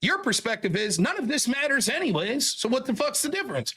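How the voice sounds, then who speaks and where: A man's voice: extremely high pitch, very animated, a little fast, bright, forceful tone, husky. A man hosting a live call-in show, badgering and sarcastic, repeating his questions and swearing freely. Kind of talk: unscripted combative debate.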